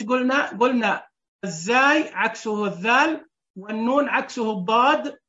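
A woman's voice: on the high side, lively intonation, normal speed, a bit bright, lo-fi sound. A woman teaching Braille in an online class. She explains step by step, counts the dots aloud and keeps checking that her students are following. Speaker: Braille instructor.

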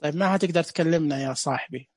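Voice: mid-range voice, very fast, slightly rough, no room sound, clean studio sound. A Braille teacher gives a casual live online lesson, joking with viewers and repeating dot counts.

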